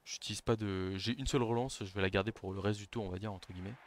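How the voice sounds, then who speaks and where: A man commentating his own board game match live, talking tactics under his breath and shouting when a play succeeds or fails. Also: lowish voice, fast talker, slight background noise. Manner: excitable, shouts on big plays, then murmurs tactics. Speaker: gaming commentator.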